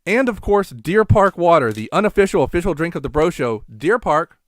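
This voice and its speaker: Male online show host, higher-than-average voice, folksy and chatty, dry close sound. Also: sing-song, brisk, no echo. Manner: folksy, showman-like greetings and asides to viewers. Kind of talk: casual live show chat with sponsor plugs.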